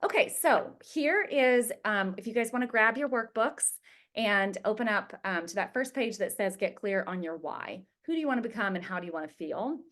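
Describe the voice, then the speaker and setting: A woman's voice: medium pitch, expressive, normal speed, a bit bright. A middle-aged woman leading a group coaching session on habits, chatty and informal with lots of fillers. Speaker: wellness coach. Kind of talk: casual group coaching talk.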